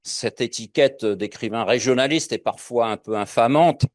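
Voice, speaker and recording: A man's voice: medium pitch, normal speed, dry recording. A man giving a public lecture, talking in a digressive way with many fillers and asides.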